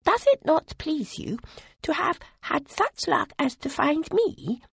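A man voicing a small, scheming skull god who flatters and tempts, in a high, breathy, creaky voice. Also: takes it slowly, dry recording, exaggerated voice. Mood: wheedling. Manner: wheedling, tempting.

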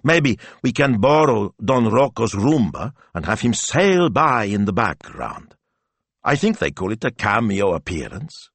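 A man's voice: on the low side, sing-song, unhurried, hardly any pauses, bright, forceful tone, husky, no echo, pitched above the performer's own voice, heavily acted. A man voicing a hopeful wife who whispers her eager ideas at night. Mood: excited whisper.

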